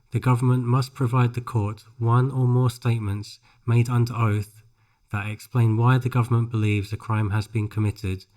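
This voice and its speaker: A man reads scripted narration for a pronunciation drill, phrase by phrase, with careful, measured enunciation. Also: mid-range voice, mellow. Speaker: English shadowing practice narrator.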